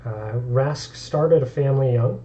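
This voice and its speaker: A man's voice: medium pitch, unhurried, mellow, dull audio, slight background noise. A man streaming about tabletop games, talking casually and thinking aloud in an easygoing way. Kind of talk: casual live-stream talk.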